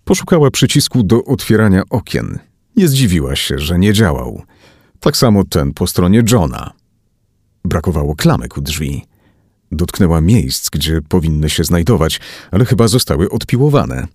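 A man reading a thriller audiobook aloud as narrator, in an expressive, dramatic manner. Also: low-pitched, moderate pace, breathy edge, no echo, studio quality. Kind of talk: scripted narration.

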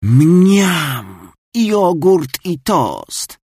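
An eager, breathless schoolgirl from a children's storybook, as a man puts her on. She chatters in high, bouncy bursts. The tone is a little husky and dry. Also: very animated, a little slow, a bit bright, dry recording, exaggerated voice.

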